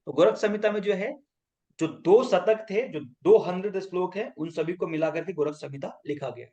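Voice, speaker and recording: A man's voice: sits high, normal speed, warm tone, highs cut off. A man teaching a yoga class, telling stories and acting out quoted lines, often asking the students to repeat key points back to him. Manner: mixes English phrases into his talk. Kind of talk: lecture storytelling.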